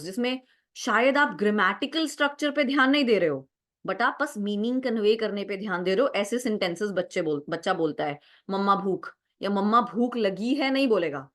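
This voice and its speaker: A young adult woman teaching an exam-prep lecture, explaining step by step, mixing Hindi and English, and often asking "right?". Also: a little high. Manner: explanatory, mixes Hindi and English, frequent "right?" check-ins.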